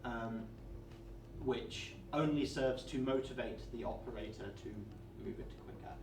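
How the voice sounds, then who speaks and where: Male game master, mid-pitched, explanatory and halting narration, distant in an echoey room. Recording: echoey room, off mic, faint music.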